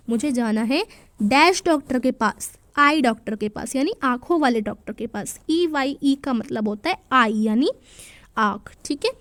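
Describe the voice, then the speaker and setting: A woman teacher explaining a worksheet to young children, patiently spelling words out letter by letter and mixing English sentences into her Hindi. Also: high-pitched.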